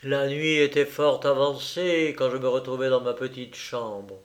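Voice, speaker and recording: Slow, measured male narrator. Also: mid-range voice, fairly even intonation. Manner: measured, deliberate reading. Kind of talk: audiobook narration of a classic novel.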